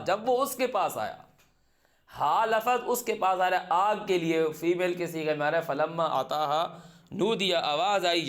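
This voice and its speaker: A man teaching a scripture lesson, reciting each verse slowly and then translating and repeating it phrase by phrase, stopping to quiz his students. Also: fairly high pitch, a bit bright. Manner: asks the class questions and answers them himself. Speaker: Quran teacher.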